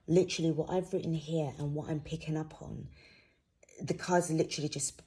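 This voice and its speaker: A drowsy-sounding woman giving an informal spiritual card reading to viewers, talking in a halting, rambling way. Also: low-pitched, steady tone, dark tone, breathy edge. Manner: sleepy, drowsy. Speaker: host, intuitive card reader.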